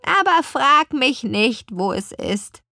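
A croaking old grandmother witch from a storybook, kindly and a little forgetful, as a woman reading puts her on. Her voice is raspy and thin, pitched high and stretched out slowly, and it swings widely up and down. The recording is dry and close. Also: very animated, pushed and bright, no echo, full character voice. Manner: drawn-out, high cracked old-lady delivery. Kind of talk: audiobook character voice.

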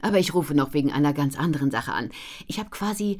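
A woman voicing an enthusiastic female book editor who talks brightly and energetically on the phone. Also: sits low, animated, quick pace.

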